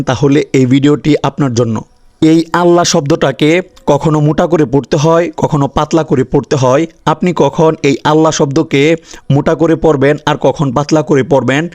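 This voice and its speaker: A man teaching Quran pronunciation in a step-by-step lesson, who asks and answers his own questions and recites the examples slowly and melodically. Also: fairly high pitch, a little mellow. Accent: Bangladeshi Bengali.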